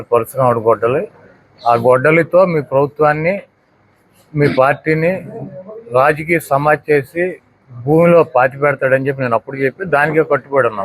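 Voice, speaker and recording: A man's voice: medium pitch, slight background noise. A man giving a combative statement to the press, firing off repeated rhetorical questions. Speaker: politician speaking to the press.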